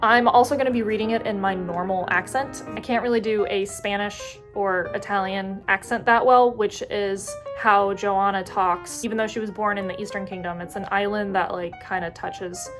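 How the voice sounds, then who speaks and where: A woman's voice: medium pitch, steady tone, moderate pace, hardly any pauses. A woman with an American accent, an indie author chatting casually to camera in a rambling, self-correcting way. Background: background music.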